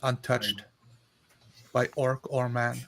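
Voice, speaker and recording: A male game master narrates a tabletop fantasy game in a medium-pitched voice. His delivery is unhurried, with little swing in pitch. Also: fairly even intonation, a bit bright.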